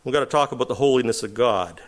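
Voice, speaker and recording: A middle-aged male pastor preaching a sermon, rising to emphatic, high-pitched calls between calmer stretches. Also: quick pace.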